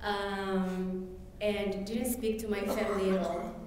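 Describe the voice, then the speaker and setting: An Ethiopian woman who grew up speaking Amharic delivers a personal testimony in an event hall, her mid-range voice level and darkish. She speaks haltingly with many fillers and restarts. A distant mic in a very echoey room picks her up along with a little hiss or hum.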